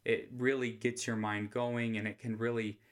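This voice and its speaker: An American man giving an informal religious lesson in a soft, quiet voice, with a flat monotone manner. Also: moderate pace. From Utah, United States. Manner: flat monotone, speaking low without inflection. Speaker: host of a scripture study podcast. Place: quiet room at home.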